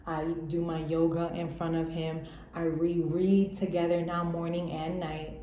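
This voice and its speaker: Her voice low, level, mellow, and a little slow, a mother laughs often while giving candid, slangy motivational life advice in vlog style. The room echoes, and there's a slight hiss or hum in the recording.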